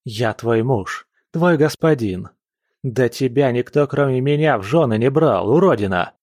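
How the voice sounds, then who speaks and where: An arrogant nobleman, played by a male reader, blusters and barks insults. His voice sits at a middle pitch. The recording is dry and close. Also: expressive, measured pace, no echo. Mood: blustering. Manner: shouting, rude, blustering.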